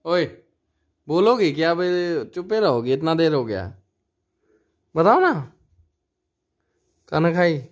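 Young man, home vlogger behind a phone camera, playful and coaxing, voice sitting a little high. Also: normal speed. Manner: coaxing, teasing, repeats himself. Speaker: vlogger filming his wife. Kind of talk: casual family vlog chat. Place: home at night.

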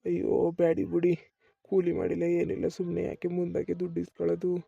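A man's voice: high voice, completely flat delivery, fairly quick, vocal fry, warm tone, husky, no room sound, highs cut off. A man in a village comedy skit, playing a sick laborer, pleading. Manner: pleading, whiny village talk. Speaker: comic actor playing a sick farm laborer.

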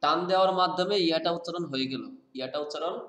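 A man's voice: a little high, fast, fairly bright tone, reverberant. A man teaching Quran reading rules in conversation, often asking his student to repeat the answer back to him.

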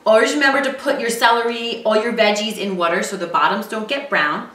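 A woman's voice: on the high side, fairly quick, a bit bright. A woman in her thirties hosting a casual home cooking show, upbeat and chatty as she gives encouraging tips. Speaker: cooking show host, mother. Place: home kitchen, indoors. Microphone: far camera mic. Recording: roomy kitchen echo from a distant mic.

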